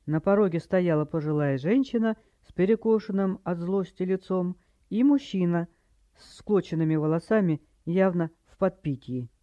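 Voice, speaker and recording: A man narrating an audiobook in an even, storytelling manner, in a dry, slightly dull recording. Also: high voice, moderate pace, dry recording. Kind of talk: scripted narration.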